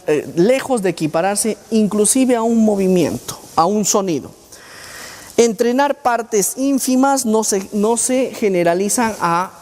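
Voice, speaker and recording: A man's voice: sits high, darkish tone. A middle-aged man giving a university lecture, often firing rhetorical questions at his audience. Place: lecture hall. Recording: long hall reverb.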